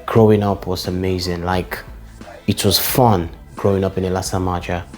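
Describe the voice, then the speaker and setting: A Nigerian man in his forties talking in a personal vlog, looking back nostalgically on his childhood neighborhood and listing names and shout-outs. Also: sits low, flat delivery, normal speed, faint music behind. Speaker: vlogger.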